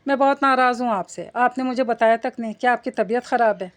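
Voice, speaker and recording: A woman's voice: fairly high pitch, fairly quick, close to an everyday voice. A woman voicing a shy, cheerful young woman in a read-aloud romance novel. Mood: shy playful. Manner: shy, mock-indignant.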